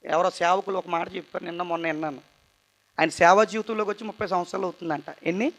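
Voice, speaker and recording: A young man telling his personal testimony at a church youth meeting, tired and earnest, his voice moving between loud bursts and quiet asides. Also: sits high, fairly even intonation, fast talker. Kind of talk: emotional testimony sermon.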